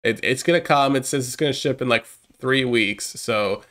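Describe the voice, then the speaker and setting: On a headset mic in a small room, a young man with a blocked-nose voice chats through a reaction video at a moderate pace. His medium-pitched tone is fairly bright, and he stays hyped and rambling.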